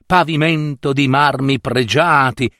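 A man narrating a fairy tale in an expressive, dramatic reading. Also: medium pitch, measured pace, no echo, studio quality.

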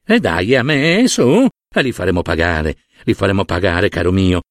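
A man's voice: sits low, lively intonation, normal speed, no echo, pitched below the performer's own voice. A man voicing a sanctimonious, greedy old monsignor who fusses, preaches and wheedles. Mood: coaxing. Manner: fussy, wheedling, preachy, with soft asides. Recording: dry close studio sound.

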